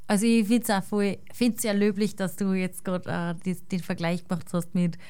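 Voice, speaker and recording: A guest musician with a Salzburg Austrian German accent chats casually, circling around her thoughts with fillers and tag questions. Her voice is medium-pitched, smooth and resonant, with a dark, warm tone and a normal pace. It's recorded close and dry, with no room sound.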